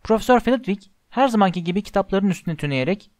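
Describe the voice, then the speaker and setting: A man narrating a storybook in an even, measured way. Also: sits high, no room sound, studio quality. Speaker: audiobook narrator.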